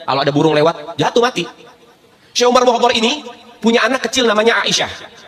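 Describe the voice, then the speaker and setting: A male preacher spins a sermon tale in a high, quick voice. He keeps it lively and often chuckles between lines. The delivery stays brisk from start to finish. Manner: animated, chuckling storyteller. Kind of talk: storytelling sermon.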